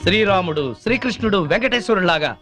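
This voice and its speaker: A man's voice: high-pitched, animated, quick pace. A man playing a devoted husband who declaims his pride in a grand, speech-like way, in a film scene with music behind. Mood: proud. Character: proud, doting young husband. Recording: film audio with music underneath.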